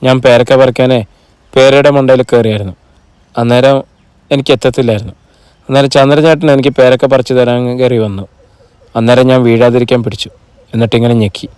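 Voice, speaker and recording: A man's voice: mid-range voice, steady tone, brisk, pauses often, darkish tone, smooth, no room sound, natural voice. A man reading the lines of a chatty, innocent childlike girl in an audiobook, eager and self-important. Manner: eager, telling things with importance.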